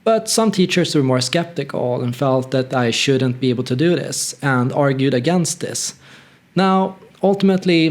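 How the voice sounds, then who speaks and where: Reflective man. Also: fairly high pitch. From northern Sweden. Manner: reflective, candid, conversational. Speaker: channel host. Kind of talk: personal storytelling monologue.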